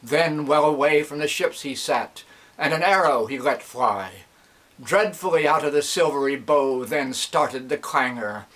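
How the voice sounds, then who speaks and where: Slow, measured man reciting dactylic epic verse. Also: a little high, a bit bright, low-quality recording. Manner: measured, metrical, declamatory. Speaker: reciter, narrator.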